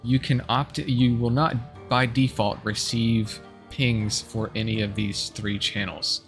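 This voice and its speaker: A man's voice: medium pitch, little pitch movement, slow, faint music behind. A man giving casual announcements as a live streamer, rambling a little and restarting his sentences to correct himself. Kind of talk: casual livestream announcements to viewers.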